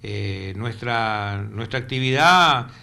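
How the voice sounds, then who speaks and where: A gravelly, mid-range male voice, pushed and bright, comes slowly and expressively from an older retired teacher with a Corrientes accent from northeastern Argentina. Guesting in a casual interview at a local cable TV studio, he rambles through memories of his career, repeating words while searching for them.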